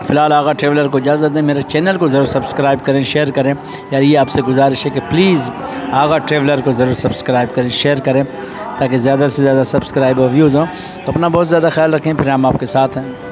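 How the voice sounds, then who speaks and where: A man's voice: mid-range voice, little pitch movement, fast talker, over music. A man chatting casually with viewers as a travel vlogger, a toothpick in his mouth. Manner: chatty, addresses viewers as friends. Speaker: travel vlogger and radio host. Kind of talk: casual vlog talk to camera.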